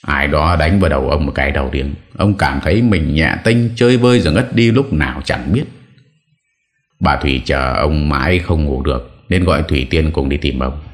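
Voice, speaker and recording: A man narrating a horror audiobook in a steady, dramatic way. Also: rumbling low, moderate pace. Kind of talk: scripted horror story narration.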